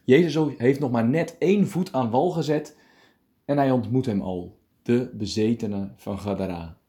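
A male preacher giving a calm radio meditation, reading scripture deliberately and explaining it. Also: mid-range voice.

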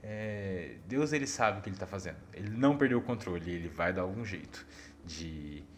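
A man with a Brazilian accent, a missionary, telling a personal story in a casual, animated way and talking straight to his audience. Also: low-pitched, fairly quick, a little hiss or hum.

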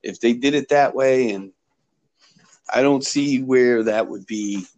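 A man's voice: medium pitch, takes it slowly, darkish tone, dry recording, muffled recording. A man chatting casually as a podcast co-host, rambling and restarting his sentences often. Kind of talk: casual chat.

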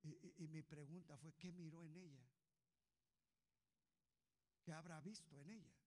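A man preaching a sermon as pastor, impassioned, swinging from hushed asides to shouts. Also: fairly high pitch, steady tone, a little slow. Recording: long hall reverb.

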